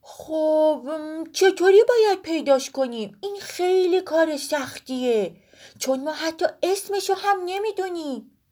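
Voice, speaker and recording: Young, puzzled storybook child voiced by a woman: high, bouncy, always asking. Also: expressive, dark tone. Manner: questioning, surprised.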